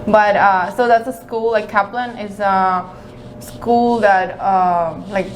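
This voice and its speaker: A woman's voice: medium pitch, steady tone, slow, slight background noise, poor audio. A woman in her thirties from Kazakhstan, answering interview questions casually, with many hesitations and restarts. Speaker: guest.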